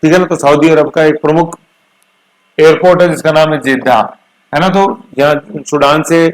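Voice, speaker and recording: A male teacher giving an exam coaching lecture on current affairs, mixing English terms into his explanations and drawing words out slowly to drill pronunciation and spelling. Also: a little high, steady tone, poor audio. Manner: addresses students with homely asides.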